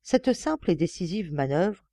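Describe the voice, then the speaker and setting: A woman reading a classic novel aloud as an audiobook narrator, measured and expressive. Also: lowish voice, no echo, clean studio sound.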